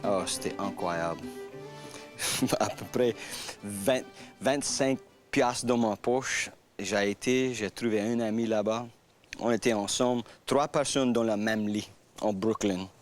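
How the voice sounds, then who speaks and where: A man's voice: fairly low pitch, slow pace, faint music behind. A man from Louisiana with a Cajun French accent, casually telling his life story and acting out the people he quotes. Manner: animated, acts out quoted voices.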